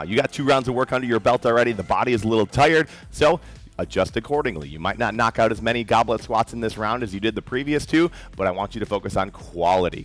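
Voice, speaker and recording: A man coaches a workout in a fairly low voice, calling out encouraging cues and counting down each set. Soft music plays faintly behind him. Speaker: fitness coach. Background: faint background music.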